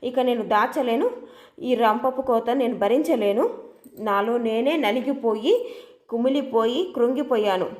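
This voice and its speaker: A woman's voice: a little high, measured pace, a little mellow, roomy sound, close to an everyday voice. A woman voicing a frightened young daughter-in-law who is cornered and pleading. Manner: anxious, pleading.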